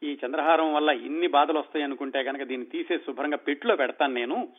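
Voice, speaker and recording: A gentle, conciliatory young wife, as a male storyteller puts her on, pleading and soothing in his own voice. The voice sits a little high. It comes through a narrow, phone-like band. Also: fast talker, close to an everyday voice. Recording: tinny phone-like sound.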